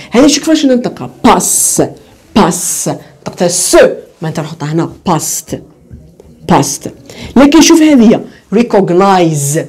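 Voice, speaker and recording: Algerian woman tutor, quick delivery, drills points by repeating words, self-answering questions. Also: lowish voice, darkish tone, husky. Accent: Algerian Arabic. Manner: asks questions and answers them herself, repeating key words. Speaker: English tutor. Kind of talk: online lesson.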